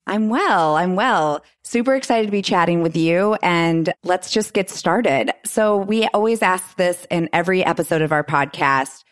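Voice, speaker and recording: A woman's voice: lowish voice, a little slow, hardly any pauses. A woman hosting a podcast with upbeat, friendly, scripted-sounding introductions. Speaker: podcast host.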